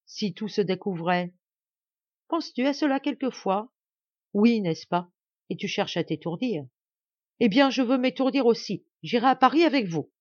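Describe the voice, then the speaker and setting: A woman reading a novel aloud, voicing a bitter, scheming older aunt who talks slowly and threateningly. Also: on the high side, expressive, darkish tone, dry recording, highs cut off, pitched above the performer's own voice. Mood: menacing. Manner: slow, menacing, resentful.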